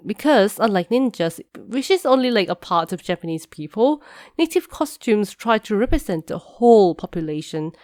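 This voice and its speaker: A woman's voice: mid-range voice, animated, normal speed, a little mellow, no room sound, clean studio sound. Congested nasal-voiced woman explaining. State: congested from a cold. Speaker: video creator. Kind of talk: scripted explainer talk.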